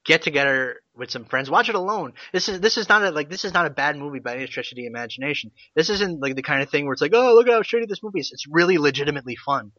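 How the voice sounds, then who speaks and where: A man with a bright, sharp voice co-hosts a movie podcast and talks films up with eager energy. He laughs easily between points. His mic sounds dry and somewhat dull. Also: fairly high pitch, fast talker, few pauses, no room sound. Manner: upbeat, enthusiastic, laughs often. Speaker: podcast co-host. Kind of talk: casual movie review chat.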